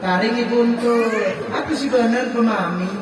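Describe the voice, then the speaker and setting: A man's voice: very high-pitched, moderate pace, heavy background noise. A male preacher with a Gayo accent, telling a religious story with jokes, laughing and teasing the crowd at a gathering in a large hall. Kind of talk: comic storytelling sermon. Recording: echoey hall, distant mic.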